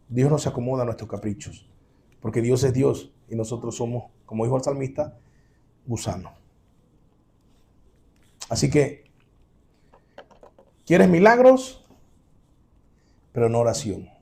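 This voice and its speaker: A man preaching a sermon as pastor, addressing the congregation as brothers with rhetorical questions and swinging between loud emphatic exclamations and quiet low asides. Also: lively intonation, a little slow, gravelly, long pauses.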